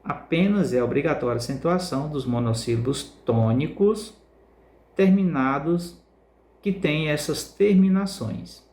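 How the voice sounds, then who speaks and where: A male Brazilian Portuguese teacher giving a recorded class lesson, repeating words slowly to stress their syllables. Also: fairly high pitch, a little mellow, roomy sound. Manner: slow, drawn-out word repetition for emphasis.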